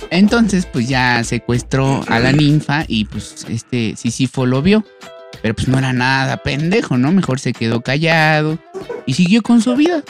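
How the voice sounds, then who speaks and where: A man's voice: mid-range voice, big pitch swings, measured pace, faint music behind. Laid-back Mexican man spinning a crude yarn. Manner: crude, slangy, laid-back retelling of a myth. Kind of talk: casual comedic storytelling.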